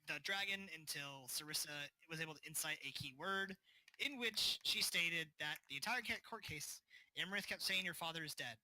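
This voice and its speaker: A man's voice: fairly high pitch, pushed and bright, poor audio. A man acting as game master, recapping a tabletop session in a rambling way with many fillers. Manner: rambling, with frequent fillers and restarts.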